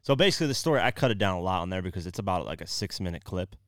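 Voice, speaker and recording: A podcast co-host with a low, slightly bright voice talks animatedly at a racing pace, recorded dry with clean studio sound. In casual chat, he retells a story loosely and rambles, using many fillers.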